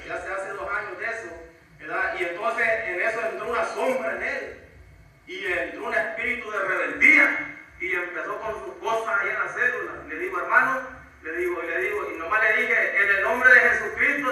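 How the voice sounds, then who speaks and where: A man's voice: high-pitched, pushed and bright. A man in his thirties giving a fervent preaching testimony in church, often asking "¿verdad?" and calling people "hermano". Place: church sanctuary. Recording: echoey church hall from far off.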